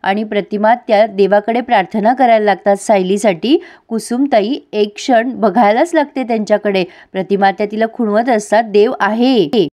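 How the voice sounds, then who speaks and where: A woman's voice: medium pitch, fairly quick, hardly any pauses, warm tone, dull audio. A woman narrating a television serial episode in a casual recap, reading out every character's lines. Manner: storytelling, reads out all quotes.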